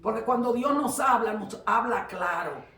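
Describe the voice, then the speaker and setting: A man preaching a sermon in a church, fervent and emphatic, rising at times to shouts. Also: very high voice, expressive, a little slow. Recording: roomy, from far off the mic.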